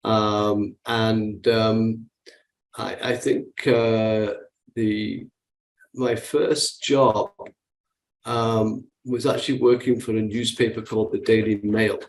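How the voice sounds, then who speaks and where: A man in his sixties from Manchester, England, with a Manchester accent, answering interview questions in a halting way full of fillers and restarts. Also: lowish voice, little pitch movement, echoey room, low-quality recording. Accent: Manchester English. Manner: hesitant, many fillers and restarts. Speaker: guest investor. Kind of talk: interview conversation.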